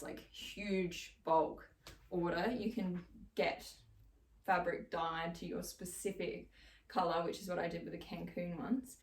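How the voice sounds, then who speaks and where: A woman's voice: lowish voice, roomy sound, far from the mic. A young Australian woman vlogging in casual, chatty talk, gushing and full of "like". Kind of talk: casual chat.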